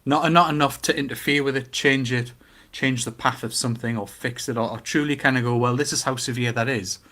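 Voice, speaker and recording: A middle-aged man with a Newcastle Geordie accent, chatting casually and giving his opinions in an animated way, with rhetorical questions. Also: medium pitch, fairly quick. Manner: animated storytelling with acted-out quotes and rhetorical questions.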